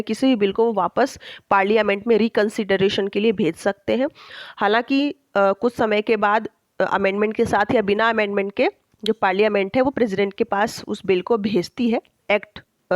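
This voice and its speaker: A woman teacher explaining a textbook chapter, reading English lines slowly and checking in often with her students. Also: mid-range voice, dry recording, low-quality recording. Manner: slow, deliberate reading of English lines, with frequent check-ins.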